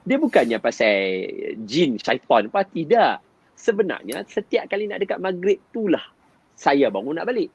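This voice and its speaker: A man, telling a story in an animated way and often turning to address his listener directly. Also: on the high side, normal speed, breathy edge, no echo, poor audio. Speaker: guest father sharing parenting experience. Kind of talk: storytelling in conversation.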